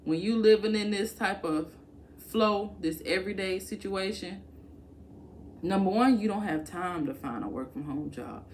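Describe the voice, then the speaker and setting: A woman's voice: mid-range voice, moderate pace, darkish tone, slight background noise. A woman giving casual, blunt work-from-home advice to camera, talking emphatically and colloquially.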